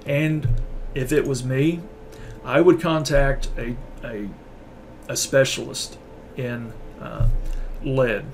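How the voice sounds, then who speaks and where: A male lecturer with a gravelly, mid-pitched voice talks through a recorded video lecture. He pauses, restarts and fills the gaps with "uh", and he sounds worn out and a bit short of breath. Faint background noise sits under the voice. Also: fairly even intonation. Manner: halting, with many fillers and restarts. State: tired, a little out of breath. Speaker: university lecturer.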